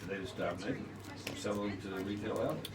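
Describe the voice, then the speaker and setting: A man with a fairly low voice trades blunt, opinionated remarks on a talk radio show. He sounds far from the mic in an echoey room, with a clear crowd murmur behind him. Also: steady tone, fairly quick. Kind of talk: casual talk radio banter. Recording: echoey, distant, with crowd noise.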